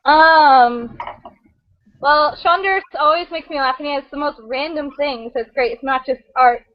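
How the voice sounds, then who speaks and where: Slow-talking high-voiced woman guest. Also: dull audio. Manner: unhurried, thinking aloud with fillers. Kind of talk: casual chat.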